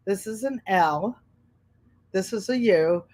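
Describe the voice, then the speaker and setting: This quilting channel host, a middle-aged woman from Connecticut with the local accent, speaks slowly in a mid-range, somewhat dark voice with lively intonation. She rambles frankly while sewing on a chatty livestream, calling out viewers by name.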